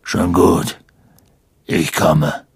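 A man voicing a huge, hot-tempered male gamekeeper with a deep, gravelly voice, talking bluntly in an audiobook. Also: little pitch movement, drawn-out words, no room sound, clean studio sound, full character voice. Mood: gruff. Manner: booming, blunt outbursts. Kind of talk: audiobook character voice.

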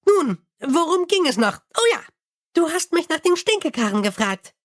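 A man voicing a small, eager male goblin clerk in an audiobook, with a squeaky, fussy and formal way of speaking. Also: sing-song, moderate pace, no echo, clean studio sound. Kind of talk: audiobook character voice.

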